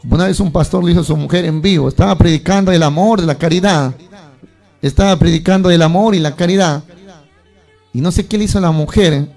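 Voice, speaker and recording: A man's voice: a little high, fast, vocal fry, a little mellow, soft background music. A man preaching a sermon, telling stories animatedly and acting out the voices of churchgoers.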